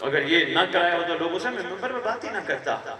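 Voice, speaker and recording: A man with a Pakistani Punjabi accent preaches at a religious gathering. His fairly high voice swells into loud, emphatic peaks, then drops low as he tells a story. It reaches the listener from far off, with a long hall echo and a large crowd filling the background. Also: sing-song. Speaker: Shia cleric giving a majlis address. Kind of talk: sermon with storytelling. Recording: echoey PA sound from far off with crowd.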